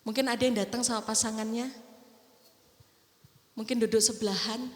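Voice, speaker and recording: Middle-aged woman preacher, high voice, chatty, acts out quotes; roomy church reverb. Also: fairly even intonation, normal speed. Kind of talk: sermon. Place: church hall. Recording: echoey church hall with long reverb.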